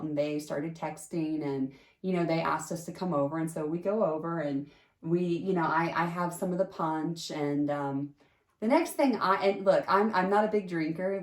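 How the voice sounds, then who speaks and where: Chatty woman with a lower voice in a roomy space. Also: darkish tone. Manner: chatty, emphatic, with frequent fillers and restarts. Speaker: storyteller sharing a personal experience. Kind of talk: casual personal storytelling. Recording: roomy echo.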